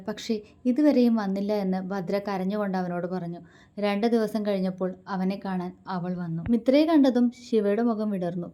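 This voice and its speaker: A woman storyteller narrating a romantic family tale. Her voice is mellow and warm, and she reads in a calm, even way. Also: mid-range voice.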